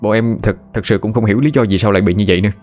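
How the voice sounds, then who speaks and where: A man's voice: fairly low pitch, fairly even intonation, very fast, a little mellow, soft background music, lightly acted. A male narrator voicing a nervous young office employee who stammers apologetically.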